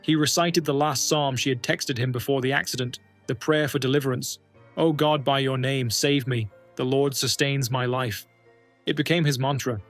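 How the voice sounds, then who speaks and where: Guy doing dramatic documentary voiceover, mid pitch, building suspense, faint music behind. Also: a bit bright. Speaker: narrator. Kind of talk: scripted documentary narration.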